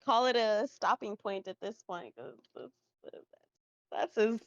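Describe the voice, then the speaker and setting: A woman's voice: medium pitch, big pitch swings, slow pace, no room sound, dull audio. A woman co-hosting a podcast in casual chat, hesitant and encouraging, full of fillers, recovering from the flu. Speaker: podcast co-host.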